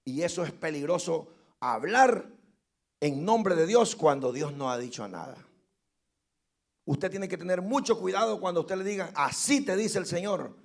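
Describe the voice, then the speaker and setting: A man preaching a sermon as pastor, calling his listeners brothers and driving points home with loud repeated lines. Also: high voice, animated, a little slow, gravelly. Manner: preaching with sudden loud emphasis and repeated phrases.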